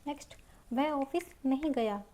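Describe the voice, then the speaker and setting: A woman's voice: sits high, moderate pace, warm tone. A woman teaching English grammar in Hindi, explaining step by step and repeating each example in both languages. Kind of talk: Hindi-medium grammar lesson.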